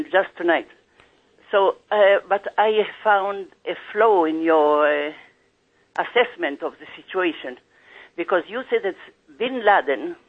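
A woman's voice: on the low side, breathy edge. Woman caller on a clipped phone line. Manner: hesitant, halting, searching for words. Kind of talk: call-in question to a radio guest. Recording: tinny narrow-band phone line on radio.

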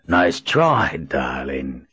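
A man voicing a gravelly, gloating villain. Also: big pitch swings, a bit bright, no echo, muffled recording, exaggerated voice. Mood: mocking. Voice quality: deep and gravelly. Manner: slow, taunting, mocking. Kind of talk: audiobook character voice.

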